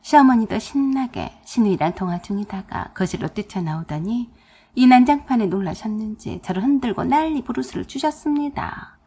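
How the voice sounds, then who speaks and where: Brief: husky female storyteller, fairly high voice, confiding first-person narration. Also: lively intonation, moderate pace, dark tone. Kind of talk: narrated radio drama.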